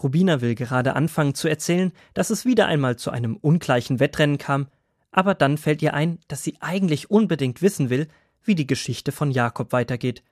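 A man narrating a children's Bible story in a calm, expressive storytelling manner. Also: fairly high pitch, a little fast, no room sound, studio quality.

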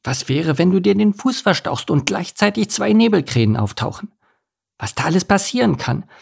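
A man's voice: sits high, very animated, moderate pace, vocal fry, slightly rough, voice pushed up, full character voice. A man voicing a timid, anxious young male duckling who mutters his worries in a storybook reading.

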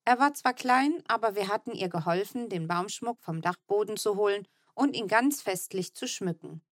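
A woman's voice: mid-range voice, animated, moderate pace, no room sound, clean studio sound. A woman narrating a children's book in the first person, telling the story evenly and tenderly. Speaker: audiobook narrator.

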